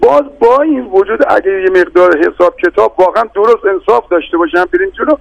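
A middle-aged man speaks insistently but courteously as a radio guest defending shopkeepers. His voice sits high and has a gravelly fry. The sound is dry and close. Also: animated, no echo, muffled recording. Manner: insistent, polite, repeatedly addresses the host. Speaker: bazaar guild representative, radio guest. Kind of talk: phone-in radio debate.

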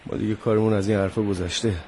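An actor playing a quick-tempered man feuding with his brother, talking bluntly, in a TV drama. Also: on the low side, level tone, warm tone, a little hiss or hum, natural voice. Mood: weary. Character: stubborn adult man at odds with his brother. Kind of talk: television drama acting.

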